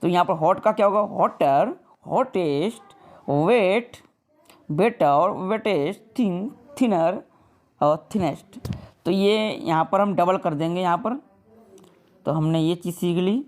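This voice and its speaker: Slow-talking woman teaching a grammar lesson. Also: on the low side, darkish tone. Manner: drills word lists, asks the class "clear?"; reads English rules out slowly, word by word. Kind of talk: grammar lesson, mixing Hindi and English.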